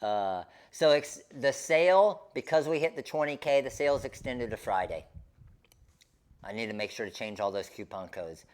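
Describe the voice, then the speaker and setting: A man's voice: fairly low pitch, normal speed, a little hiss or hum. A man hosting a craft live stream, chatting casually and informally with his viewers.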